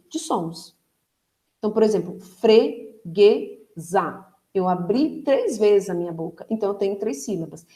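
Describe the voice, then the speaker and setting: A Brazilian woman teaches a recorded grammar lesson in a fairly high voice. She explains patiently, checks understanding with quick tag questions, and slows down to stretch words so their syllables stand out. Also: darkish tone. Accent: Brazilian Portuguese.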